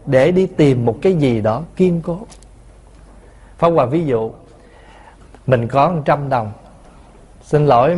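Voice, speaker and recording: A man's voice: a little high, warm tone, husky. A man, a Buddhist monk giving a dharma talk, telling stories and asking his listeners rhetorical questions. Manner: conversational storytelling with rhetorical questions.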